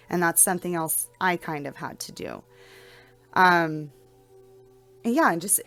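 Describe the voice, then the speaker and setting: A young adult woman speaks in a soft-spoken, somewhat low voice, often repeating words as she restarts her thoughts. She talks casually about spiritual matters, as if to viewers of her vlog. Soft music plays faintly behind her. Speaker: spiritual vlogger. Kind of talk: casual spiritual talk to camera.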